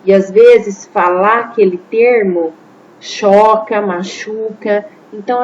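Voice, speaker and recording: A woman's voice: medium pitch, darkish tone. A woman teacher, explaining a lesson patiently and checking in with her listeners. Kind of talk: classroom lesson. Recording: slightly dull lo-fi audio with faint noise.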